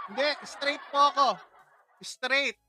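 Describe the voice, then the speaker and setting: A man's voice: extremely high pitch, bright, forceful tone, a little hiss or hum. A man hosting a casual livestream, chatting with viewers in a playful, teasing way and laughing often. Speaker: livestream host.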